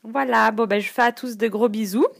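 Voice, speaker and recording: A woman's voice: fairly high pitch, steady tone, fairly quick, creaky. A woman leaving a casual voice message as a listener, playful and giggly, with a singsong, hesitant delivery.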